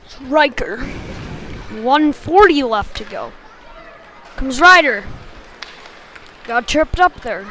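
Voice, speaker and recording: An animated woman with a high, slightly bright voice calls a youth ice hockey game live, taking it slowly and leaving long pauses. Her commentary comes in short, clipped, colloquial phrases. It is an amateur livestream from the rink, with faint background noise.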